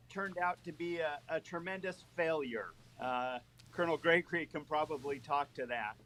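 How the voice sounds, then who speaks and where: A man speaking over a phone line in a live panel discussion, loudly and close into the phone, explaining a process step by step as a military medical official. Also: fairly high pitch. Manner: explanatory, gives a brief history lesson.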